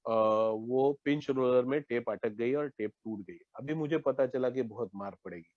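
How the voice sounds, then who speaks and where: A man's voice: medium pitch, normal speed, no room sound. Man from India, earnest personal share over a muffled online call, dry and close. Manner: earnest storytelling, acts out his own past dialogue. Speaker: recovering alcoholic sharing at a meeting. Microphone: online meeting call. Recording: dull lo-fi online call audio.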